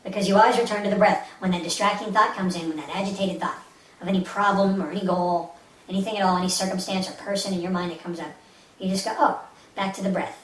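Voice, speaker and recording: A fast-talking woman with a medium-pitched, fairly even voice leads a guided meditation as instructor, soothing and instructive with short repeated phrases. It's recorded from a distance in a roomy space with faint hiss.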